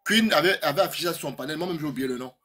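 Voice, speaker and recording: A man with a bright, sharp voice, pitched a little high, joins a casual live stream as co-host. He chips in with teasing, chuckling asides. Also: very fast.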